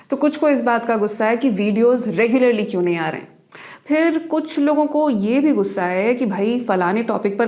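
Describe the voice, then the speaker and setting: A woman's voice: a little high, darkish tone, no echo. A woman hosting a health explainer series, talking straight to viewers in a chatty, playful way. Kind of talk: conversational science explainer.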